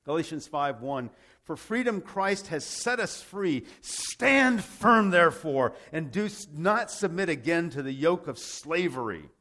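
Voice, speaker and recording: Sharp in tone and a little slow, this man's slightly high, animated voice carries a sermon of scripture and personal anecdotes. He grew up in Rome, Italy, to American parents, and preaches emphatically in a conversational style with rhetorical questions and repeated phrases.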